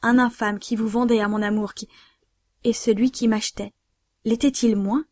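A woman's voice: on the high side, little pitch movement, moderate pace, a little mellow, no echo, studio quality, close to an everyday voice. A woman voicing a frightened but defiant young woman who answers sharply and with scorn, in a read-aloud story.

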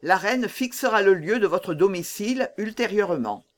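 A man's voice: high-pitched, expressive, moderate pace. A man voicing a courteous guard officer in a storybook reading, formal and apologetic. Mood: polite formal.

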